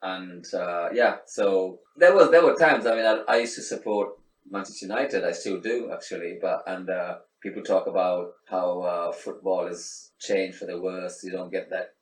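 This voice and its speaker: In a low-pitched voice at moderate speed, the middle-aged man from Sri Lanka muses casually in an interview, restarting often and filling gaps. The recording is echoey, with faint background noise and a mic placed at a distance.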